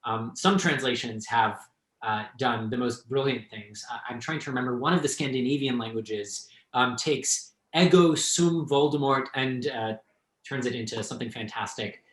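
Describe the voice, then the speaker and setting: A man's voice: mid-range voice, normal speed, a bit bright. Thoughtful man in an echoey room. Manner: thoughtful, hesitant with many fillers. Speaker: translator, guest speaker. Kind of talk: conversational talk.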